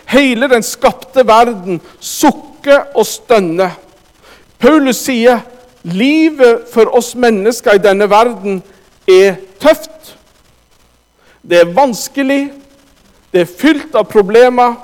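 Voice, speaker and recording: A preacher with a high voice gives a sermon, emphasizing his words and frequently addressing the congregation directly. A long reverb carries his voice through the church hall.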